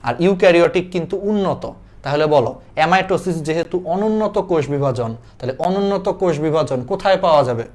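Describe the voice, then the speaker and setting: A young man teaching an online biology class in a chatty way, repeating key points and asking them back as quiz questions. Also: on the high side. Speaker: biology tutor.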